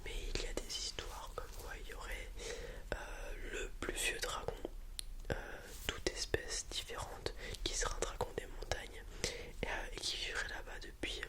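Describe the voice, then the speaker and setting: Playing a helpful dragon breeder for ASMR, a person speaks to a customer in a soft, breathy whisper. They improvise as they go, hesitating, pausing often and repeating themselves.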